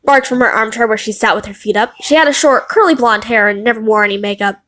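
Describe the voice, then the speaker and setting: A woman's voice: fairly high pitch, fast, fairly bright tone. A woman giving a dramatic reading of a story, stumbling over words and breaking off into exasperated, sweary asides. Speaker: reader reacting to a fan fiction story.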